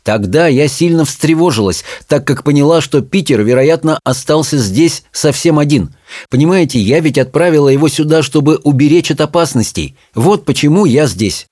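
A bustling, no-nonsense witch mother from a storybook, as a man reading aloud puts her on. She speaks in a raised, lively voice that swings widely, with clipped, irritable efficiency. The sound is dry and close. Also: fairly high pitch, moderate pace, no room sound, pitched above the performer's own voice. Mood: brisk. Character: brisk bustling middle-aged witch mother, woman.

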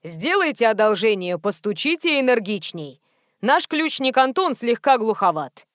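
A woman's voice: expressive, moderate pace, no echo, clean studio sound, natural voice. A woman doing a fawning male estate manager. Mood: obsequious. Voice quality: obsequious baritone, old-fashioned courtesy. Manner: flustered, bleating when pressed. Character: fussy, overly polite middle-aged male estate manager.

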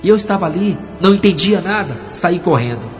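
A man's voice: sits high, expressive, fairly quick, faint music behind. A pastor giving a dramatic testimony sermon, acting out the voices in his story. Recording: dull recording with long hall reverb.

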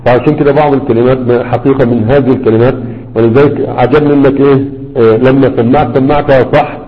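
A man's voice: medium pitch, fairly even intonation. Male grammar teacher, chatty classroom manner, long reverb, muffled lo-fi sound. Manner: conversational, repeats words slowly to model pronunciation. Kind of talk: classroom lesson with questions. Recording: dull lo-fi audio with long hall reverb.

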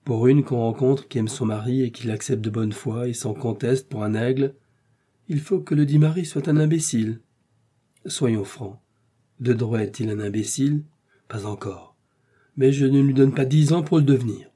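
Man reading as a sarcastic young gentleman, warm husky voice, pitched up, loud and emphatic. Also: normal speed, lightly acted. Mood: musing. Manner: mocking, lively, emphatic. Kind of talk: audiobook character reading.

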